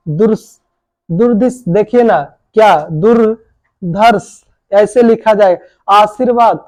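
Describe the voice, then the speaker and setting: This high-sitting male voice has a darkish tone and no echo around it. He's a coaching teacher running a spelling lesson for exams, asking his own questions, answering them, and addressing students as "babu" and "bhai."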